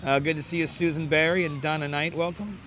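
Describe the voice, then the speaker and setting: Talking fast with a steady, fairly bright tone, a livestream host on a beach boardwalk greets viewer after viewer by name in a crackly, squeaky, hoarse voice. Faint traffic and city ambience come through his wireless clip-on mic on this outdoor phone stream.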